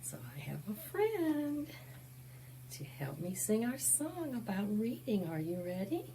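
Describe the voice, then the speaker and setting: A woman with a fairly high, mellow voice leads a preschool storytime, reading a picture book aloud with lots of animation and a slightly slow pace. She chats with the young listeners through asides and questions, and there's a faint hiss or hum on the recording.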